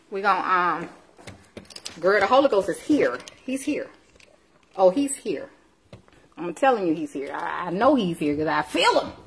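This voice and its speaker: Streaming live from her kitchen, a woman in her thirties hosts a home cooking show, joking with viewers and tossing out churchy exclamations. She speaks in a mid-range voice. The low-quality recording carries slight background noise, since her phone camera moves from close by to across the kitchen.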